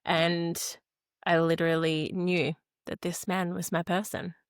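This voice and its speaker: A woman's voice: on the low side, flat delivery, a little slow, clean tone, dry recording, studio quality. A woman hosting a podcast, talking in an upbeat, chatty way. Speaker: podcast host. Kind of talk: casual chat.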